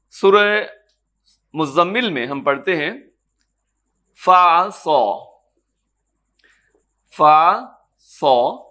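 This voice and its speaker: A man teaching Quran recitation in a classroom lecture, explaining patiently, checking that students follow and chanting example words slowly. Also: on the high side, a bit bright. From Pakistan. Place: lecture room in an academy.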